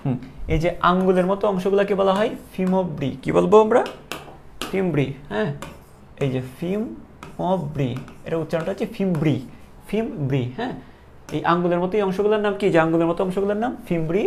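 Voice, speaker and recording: A man's voice: high voice, quick pace, vocal fry, a little mellow, slight background noise. A male teacher giving a classroom lecture, asking questions and repeating each answer to drill the terms.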